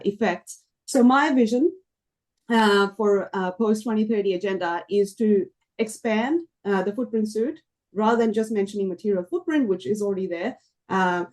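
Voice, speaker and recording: A woman researcher answering questions on a panel, hesitant, with a hoarse voice that is giving out. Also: medium pitch, darkish tone. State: losing her voice, hoarse.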